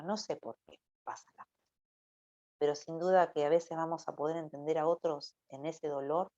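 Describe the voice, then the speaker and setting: Low-voiced woman giving a chatty sermon. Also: warm tone. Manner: conversational, ends phrases with a questioning "¿no?". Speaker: church youth preacher. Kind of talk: informal Bible teaching sermon. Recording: dull lo-fi recording.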